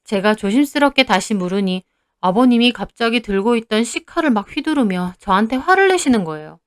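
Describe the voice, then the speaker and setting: A woman's voice: on the high side, lively intonation, a little fast, dry recording. A young woman narrating her own story in the first person, in a plain confessional way.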